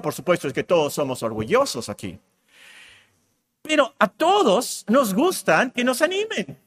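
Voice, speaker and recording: A man preaching a sermon, his pitch set high and leaping all over as he talks. He swings from loud emphatic lines to hushed asides. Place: church.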